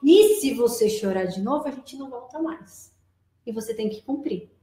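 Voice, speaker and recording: A woman's voice: fairly high pitch, expressive, normal speed, mellow. A woman guest speaker in a live advice chat, explaining in a patient way and repeating her key phrases. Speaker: guest, preschool operations director. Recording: echoey room.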